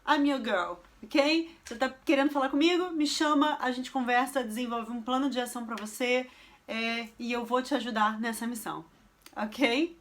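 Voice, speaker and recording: A woman's voice: on the high side, fairly bright tone. A woman from Brazil with a Rio de Janeiro accent, hosting a vlog and speaking directly to her viewers in a chatty way. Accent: Rio de Janeiro Brazilian Portuguese. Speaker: YouTube host. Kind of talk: vlog outro.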